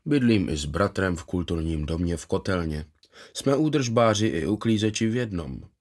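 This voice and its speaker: A man voicing an eager, gentle fifty-something man. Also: deep voice, lively intonation. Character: gentle content man in his fifties, former footballer. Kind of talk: voiced character in a read story.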